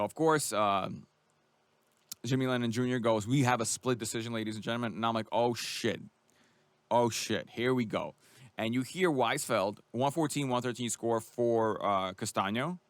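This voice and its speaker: Animated man hosting a boxing podcast. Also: medium pitch, no room sound. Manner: animated, indignant outbursts, frequent restarts and fillers. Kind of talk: casual solo podcast commentary.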